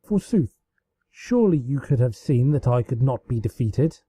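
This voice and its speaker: A man voicing a haughty, excitable younger pony princess with archaic, melodramatic storybook speech. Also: mid-range voice, moderate pace, slightly rough, no echo. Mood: gloating.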